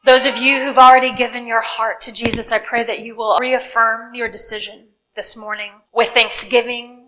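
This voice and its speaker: A woman pastor delivering an Easter sermon in a church sanctuary, preaching with dramatic pauses and rising emphasis. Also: on the high side, little pitch movement, sharp tone, poor audio.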